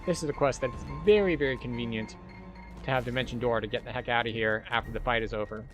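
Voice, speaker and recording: A man's voice: mid-range voice, fast talker. Man, gameplay commentator, casual streamer talk, game music behind.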